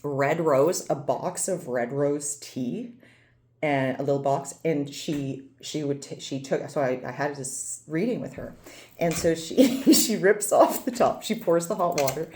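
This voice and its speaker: A woman's voice: sits low, a little slow, mellow. A woman in her forties telling a personal story in a meandering, chatty way, often correcting herself. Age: 40s. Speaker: vlogger. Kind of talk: casual storytelling.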